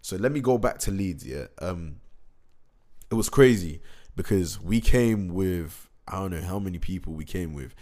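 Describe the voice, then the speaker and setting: Low-voiced young man, excitable. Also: normal speed. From England. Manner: excitable, rambling, slangy, many fillers and restarts. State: hoarse, recovering from a cold. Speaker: musician. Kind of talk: casual vlog recap.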